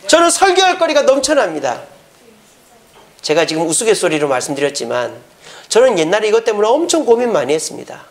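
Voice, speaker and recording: A man preaching a sermon as pastor, humorous and animated, asking the congregation rhetorical questions and chuckling between points. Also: very high voice.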